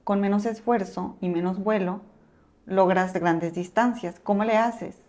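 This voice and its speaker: A woman's voice: mid-range voice, steady tone, measured pace, darkish tone, close to an everyday voice. A woman voicing a small, tireless hummingbird in a spoken story, curious and a little timid. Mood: curious, earnest.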